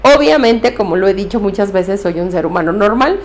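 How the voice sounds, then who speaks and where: A woman's voice: mid-range voice, animated, fairly quick, darkish tone. A woman therapist, giving earnest, direct advice on handling emotions.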